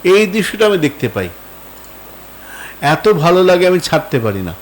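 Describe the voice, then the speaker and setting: A man's voice: high voice, sing-song, normal speed, low-quality recording. A man with a Bengali accent giving a devotional sermon, telling stories and acting out the dialogue in voices, with many rhetorical questions. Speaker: Vaishnava preacher.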